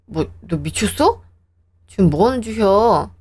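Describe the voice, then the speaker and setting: A woman's voice: medium pitch, lively intonation, moderate pace, darkish tone, close to an everyday voice. A woman voicing a defensive, hot-tempered young husband who talks in a sneering, combative way.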